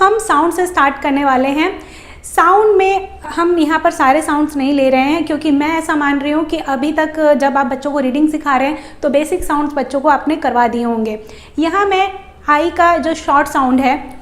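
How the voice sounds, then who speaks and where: A woman giving a phonics lesson for parents, patiently repeating sounds slowly and clearly. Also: sits high, echoey room. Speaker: English teacher for parents of young children. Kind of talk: phonics lesson in Hindi mixed with English.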